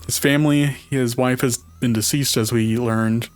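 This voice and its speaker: A man playing a retro adventure game with friends, reading the on-screen text aloud in a plain, even voice. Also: medium pitch, moderate pace, soft background music. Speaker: let's play player.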